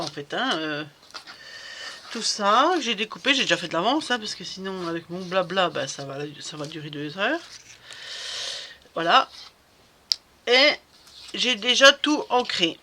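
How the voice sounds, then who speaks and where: A woman talks her way through a crafting project in a loose, rambling vlog chat, stumbling over restarts and fillers. Her voice is bright and a little sharp, with a faint hiss in the background. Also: fairly low pitch. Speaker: crafting vlogger. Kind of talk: casual chat while crafting.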